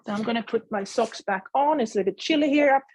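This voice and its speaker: A woman teaching yoga and meditation, guiding listeners in a calm, soothing, unhurried way with pauses. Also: fairly high pitch, no room sound. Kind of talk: guided relaxation meditation. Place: indoor room in an old house, dry close sound.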